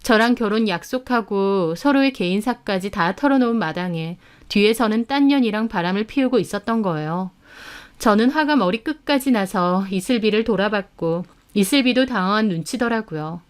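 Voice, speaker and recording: A woman's voice: medium pitch, expressive, moderate pace, clean tone. A woman with a mid-range voice narrates a first-person story. She tells it in an indignant, dramatic way, as if recounting a betrayal to listeners.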